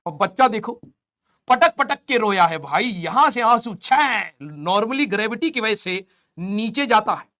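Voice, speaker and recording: A man's voice: high-pitched, animated, a little slow, bright, forceful tone. Joking, teasing male physics teacher. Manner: joking, teasing, playful scolding. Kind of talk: comic classroom lecture.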